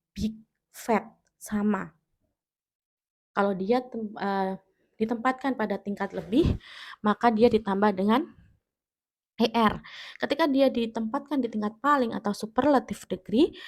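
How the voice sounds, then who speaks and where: An Indonesian woman teaches grammar in a patient, step-by-step way. Her voice sits at a middle pitch, and she often pauses to check that her students are following. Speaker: English teacher. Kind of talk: classroom-style grammar lesson.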